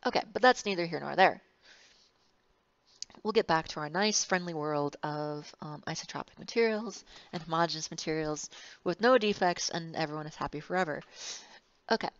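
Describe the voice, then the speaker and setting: A woman's voice: on the low side, no echo. A woman engineering instructor giving a recorded lecture, rambling and correcting herself with wry asides. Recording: dull, slightly muffled, dry sound.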